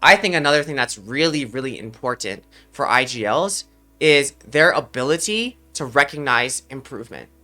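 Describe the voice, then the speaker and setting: A man with a slightly sick voice talks earnestly to his livestream chat, explaining ideas and repeating phrases for emphasis. His tone is bright and forward at a middle pitch, and faint music plays behind him. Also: lively intonation, normal speed. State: under the weather, slightly sick voice. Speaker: esports mental coach and streamer.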